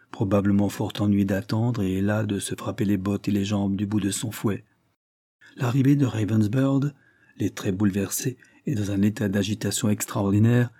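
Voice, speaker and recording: A man narrating an audiobook of a Victorian novel in a measured, steady way. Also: on the low side, breathy edge, no room sound, studio quality.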